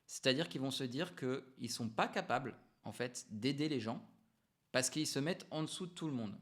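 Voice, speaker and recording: A man coaching entrepreneurs to camera in a relaxed, unscripted way, explaining ideas with emphatic repetitions and frequent hesitations. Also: medium pitch, normal speed. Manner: frequent hesitations and self-corrections. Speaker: business coach.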